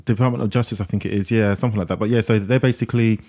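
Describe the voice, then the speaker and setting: A British man co-hosting a casual film podcast, with soft rounded R sounds and a rambling, self-deprecating manner, often searching for words. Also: fairly low pitch, steady tone, very fast. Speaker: podcast co-host.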